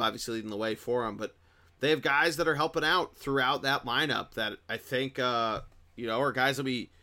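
A man co-hosting a casual sports podcast, running through the rundown and passing questions to his co-hosts. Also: mid-range voice. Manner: lively, runs the rundown and tosses questions to co-hosts. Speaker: podcast co-host leading the segments.

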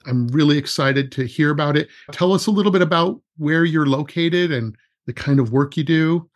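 A man's voice: on the high side, moderate pace. A man hosting a podcast, interviewing a guest in an encouraging, affirming way. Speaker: podcast host. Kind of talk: casual interview.

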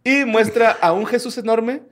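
A man's voice: extremely high pitch, normal speed, a bit bright, slight background noise. A Mexican-accented man hosting a casual chat, telling odd stories in an informal, slangy, profane way. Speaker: podcast host.

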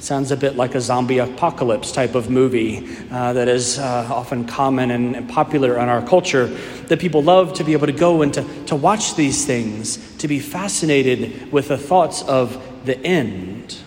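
A priest's voice rolling through a big church, full of cathedral echo that hangs in the air long after each phrase. He speaks in a measured, unhurried way, with a faint hum of the room underneath. His voice sits at an ordinary male pitch. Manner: measured, unhurried delivery with frequent "uh" fillers. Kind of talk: liturgical reading, parish announcements and homily. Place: large church.

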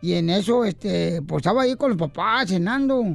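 A man's voice: high-pitched, lively intonation, brisk, creaky, soft background music. A man hosting a radio comedy show, teasing and slangy. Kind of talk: radio morning show banter and joke telling.

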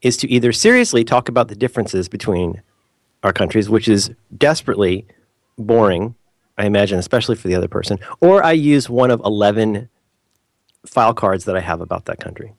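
A man's voice: fairly low pitch, expressive, brisk, no echo, studio quality. A man from the American Midwest with a Midwestern accent, co-hosting a casual comedic chat, teasing with mock-serious asides.

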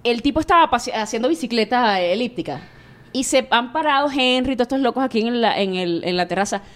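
A woman, a sports journalist chatting casually on a podcast and telling lively stories. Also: on the high side, brisk. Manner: lively storyteller, acts out friends' voices.

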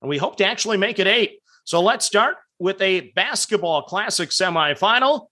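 A man's voice: high voice, expressive, moderate pace, pushed and bright. A man hosting a sports betting podcast, upbeat as he rattles off results and stats. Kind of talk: solo podcast recap.

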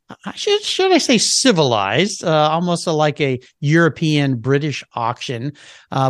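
A man's voice: a little high, no echo, studio quality. A man talking casually and with enthusiasm in a radio interview, using plenty of fillers. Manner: chatty and enthusiastic, with many fillers. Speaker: car show host and guest expert.

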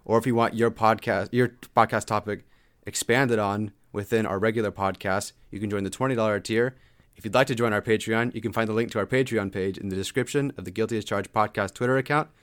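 A man hosting a podcast, reading announcements in a steady, scripted way. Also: on the low side, fast. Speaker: podcast host.

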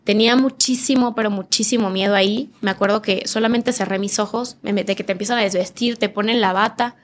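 A woman's voice: medium pitch, fairly even intonation, fast talker, slight background noise. A woman with a northern Mexican accent, a podcast guest telling an emotional personal story and acting out the voices of people in it. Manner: vivid storytelling, acting out quoted dialogue in changed voices.

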